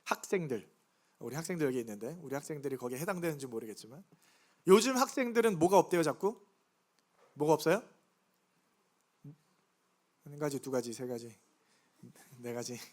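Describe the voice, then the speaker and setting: A man's voice: on the high side, big pitch swings, normal speed, pauses often. A middle-aged man, a pastor, preaching a Sunday sermon in a chatty way and putting questions to the congregation. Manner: conversational, asks the congregation questions. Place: church sanctuary.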